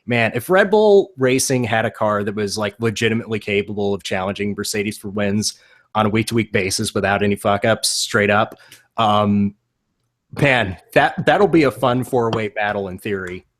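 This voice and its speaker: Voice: mid-range voice, moderate pace. A podcast co-host talking motorsport in a laid-back, slangy way and swearing casually. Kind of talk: casual chat.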